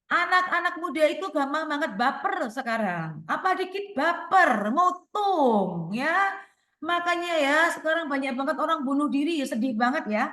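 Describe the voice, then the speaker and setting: In a webinar Q&A recorded in an echoey room, a woman with a high, sing-song, fairly bright voice answers audience questions at normal speed. As a workshop speaker, she explains her advice using everyday examples and rhetorical questions.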